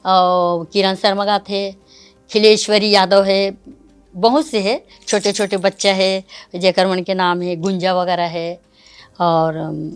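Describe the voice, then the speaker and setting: A woman's voice: medium pitch, flat delivery, takes it slowly, clean tone, faint music behind. An older woman with a Chhattisgarhi accent, a folk singer talking unhurriedly in an interview, laughing often. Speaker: Bharthari folk singer, guest. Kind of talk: casual interview talk.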